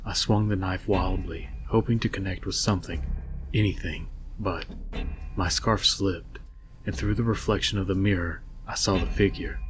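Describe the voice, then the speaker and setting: Low, haunting male horror narrator. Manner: measured, scripted reading. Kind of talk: scary story narration. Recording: music behind the voice. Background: music.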